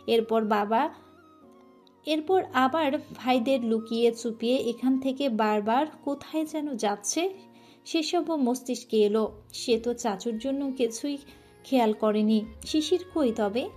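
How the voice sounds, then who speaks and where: A story narrator reads a romantic tale aloud as scripted storytelling, with emotive, dramatic delivery. Her voice is mellow and soft but pitched somewhat high, and faint music plays beneath her reading.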